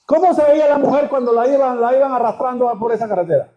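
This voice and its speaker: High-voiced preacher, dull recording. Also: male voice, fast talker. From Venezuela. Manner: asks the congregation rhetorical questions; dramatic retelling of scripture. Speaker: pastor. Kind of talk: sermon. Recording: dull lo-fi sound.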